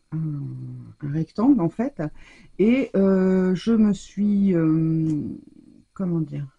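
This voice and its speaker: A woman's voice: on the low side, warm tone, husky, lo-fi sound. A middle-aged woman hosting a casual craft tutorial, chatting along with many fillers and hesitations as she shows her work. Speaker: crafting channel host.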